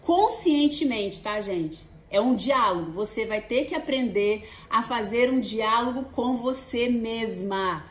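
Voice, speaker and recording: High-voiced, chatty Brazilian woman. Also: unhurried, hardly any pauses. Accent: Brazilian Portuguese. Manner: chatty, animated, addresses viewers as "gente". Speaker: host. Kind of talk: casual advice talk to camera. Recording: echoey room.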